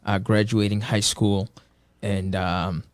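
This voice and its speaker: A man's voice: on the low side, little pitch movement, takes it slowly, no room sound. A man in his twenties from Kenya, a personal trainer speaking earnestly as an interview guest, with lots of filler words. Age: 20s. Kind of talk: casual interview.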